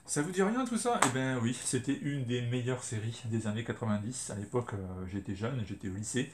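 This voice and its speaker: A man's voice: mid-range voice, animated, fairly quick. A middle-aged man from France, casually reviewing comics as a video host, chatty with many fillers and self-corrections. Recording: roomy echo, faint ambient noise.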